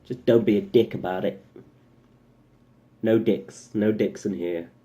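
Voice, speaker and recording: In a lowish, mellow voice with fairly even intonation, a young man vlogs a casual opinion piece at a measured pace. He drifts into sarcastic tangents, cuts himself off and pulls the point back again.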